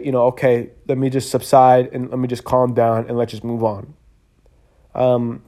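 A man talks alone into his podcast mic in a loose, earnest ramble. He restarts his sentences and leans on fillers as he works his thoughts out. He sounds tired and keeps yawning, at an ordinary middle pitch. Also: darkish tone. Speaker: podcast host. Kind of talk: casual solo podcast monologue.

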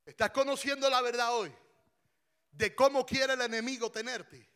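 Shouting passionate male preacher, high voice. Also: fairly even intonation, normal speed, clean tone. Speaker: pastor. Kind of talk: sermon.

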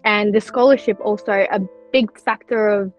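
Soft background music plays under this candid podcast interview with a scholarship-recipient guest, a young woman who grew up partly in Turkey. She talks earnestly and chattily at normal speed, with lots of "like" and "you know," in a mid-range voice with fairly even intonation. The lo-fi audio sounds slightly dull.

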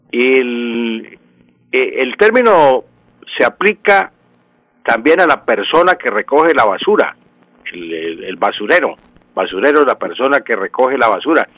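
Unhurried Colombian man explaining on radio. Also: mid-range voice, fairly bright tone, no echo. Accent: Colombian, Santander. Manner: unhurried, didactic, repeats key words, frequent "eh" fillers. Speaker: language and local history expert on radio.

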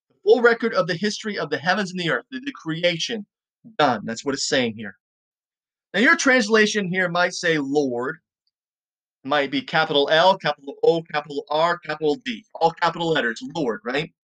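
Man teaching the Bible, slow deliberate readings. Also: fairly high pitch, a bit bright.

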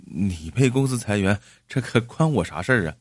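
A man's voice: on the low side, brisk, no echo, clean studio sound, lightly acted. A man voicing a nervous young migrant worker who stammers and pleads apologetically. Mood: nervous pleading.

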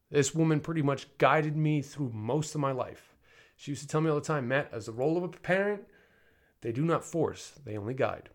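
A man in his thirties speaks candidly as a podcast host, in a loose, rambling monologue. He talks in a middle pitch and keeps correcting himself and filling pauses as he goes. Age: 30s. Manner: candid, rambling, frequent fillers and self-corrections. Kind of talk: casual personal monologue.

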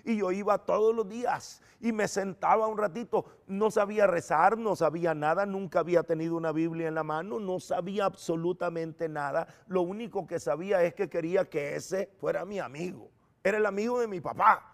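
A man's voice: high-pitched, fairly quick. Earnest middle-aged man telling his testimony. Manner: earnest, animated storytelling with quoted dialogue. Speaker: preacher giving testimony. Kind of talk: personal testimony.

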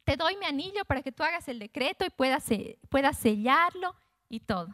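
A woman voicing an easygoing king, high and airy. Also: expressive, fairly quick, a bit bright, no echo, studio quality. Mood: agreeable. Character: adult male king, casual and agreeable.

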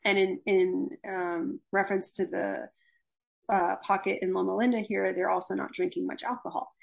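A young woman from Los Angeles, USA, a gerontology faculty member, earnestly explains health principles in a conversational interview. Her mid-range voice is gravelly, with fairly even intonation and a normal pace, and the recording sounds lo-fi.

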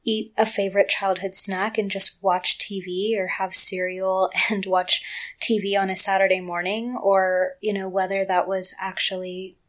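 A young woman giving a gentle, reassuring talk on emotional healing, speaking straight to the listener. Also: medium pitch, little pitch movement, moderate pace. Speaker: self-help speaker.

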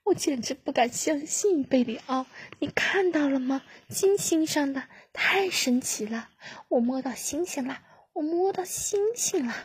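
Woman doing a young farm chick, polite, eager, wide-eyed, breathy, high pitch. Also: animated, moderate pace, warm tone, no echo. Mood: amazed. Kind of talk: storybook reading.

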